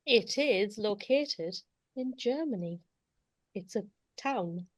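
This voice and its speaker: A woman playing a panel guessing game, explaining in a measured way with small giggles. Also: mid-range voice, lively intonation, no room sound. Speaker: panel player. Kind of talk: casual panel game chat.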